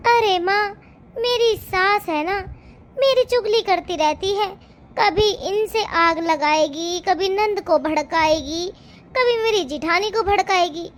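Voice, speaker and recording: A woman's voice: extremely high pitch, slow. A woman playing a young daughter-in-law who answers back and complains about her mother-in-law. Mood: defiant.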